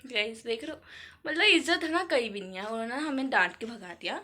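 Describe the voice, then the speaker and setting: A woman's voice: on the high side, brisk, pushed and bright. A teenage girl vlogging about her school day in a chatty, rambling way. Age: teens. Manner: chatty, filler-heavy storytelling. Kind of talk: casual vlog chat.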